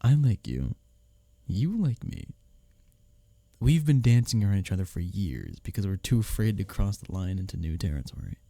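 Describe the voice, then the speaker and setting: A man voices a smitten workplace rival who teases his way through an intimate romantic roleplay, breathy and husky, halting often and dropping to near-whispers. His voice sits low, sing-song and mellow, heavily acted, with no echo. The mood is incredulous and excited.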